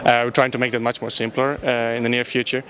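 A man's voice: mid-range voice, little pitch movement, fast talker, fairly bright tone. A young Dutch man, a startup founder, answering interview questions in English with many filler sounds and restarts, in a large conference hall on a handheld mic. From Netherlands. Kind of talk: conversational interview.

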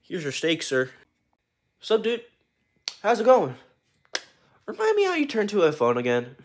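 A man's voice: high-pitched, wildly swooping pitch, measured pace. A teenage or young adult man doing casual, goofy, profane comedy skits in slangy talk into a phone. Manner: goofy, profane, slangy, often bursting into yells. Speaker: short-skit video creator. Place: mostly a cluttered home garage. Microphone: phone at arm's length.

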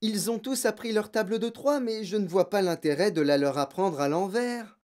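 A narrator voicing a gentle young schoolteacher in an audiobook, speaking patiently and firmly. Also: medium pitch, moderate pace, voice pushed up, lightly acted. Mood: earnest. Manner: patient, firm, softly reasoning. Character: gentle young female teacher, calm and principled. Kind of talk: audiobook character voice.

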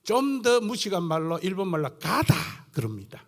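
A man's voice: high-pitched, moderate pace. An older man preaching a sermon in a thick Gyeongsang dialect, earthy and folksy, telling stories from his own ministry. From South Gyeongsang coast, Korea. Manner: earthy, folksy, animated storytelling. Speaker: guest pastor preaching.

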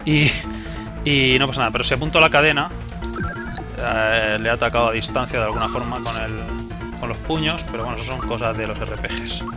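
This young Spanish-accented gamer talks a little fast in a mid-range voice while narrating his game live. It's relaxed, joking let's play commentary full of free swearing, with video game music in the background.

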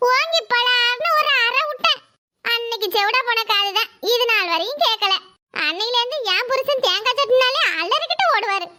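A woman voicing a sharp-tongued, teasing middle-aged mother-in-law in a cartoon, with a Kanyakumari Tamil accent and rapid, scolding banter. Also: extremely high pitch. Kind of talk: cartoon voice acting.

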